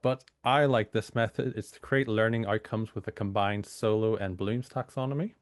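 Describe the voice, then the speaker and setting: A British university lecturer, a man a bit hoarse from a cold, giving an informal training talk full of fillers. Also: on the low side, steady tone, moderate pace, dry recording, clean studio sound. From United Kingdom. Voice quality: gravelly.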